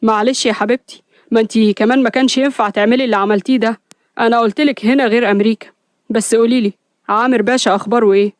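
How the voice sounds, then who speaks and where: A woman voicing a firm, principled male police officer who answers his superior calmly but defiantly. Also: a little high, very fast, no room sound, clean studio sound, natural voice. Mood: smooth. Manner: calm, firm, respectful yet defiant.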